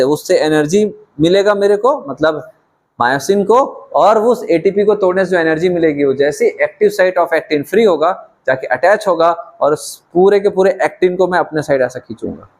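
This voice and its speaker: A middle-aged man teaching a biology class, acting out a demonstration with students and often asking whether they follow. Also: sits high. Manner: animated, asks students questions and calls them "beta". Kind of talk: classroom lecture with live demonstration.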